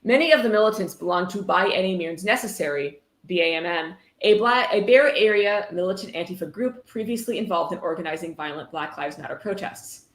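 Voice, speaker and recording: Hosting a casual livestream while tipsy, a woman reads passages aloud and comments sarcastically and irreverently, swearing freely. Her lowish voice moves briskly with few pauses, and the room sounds roomy and echoey.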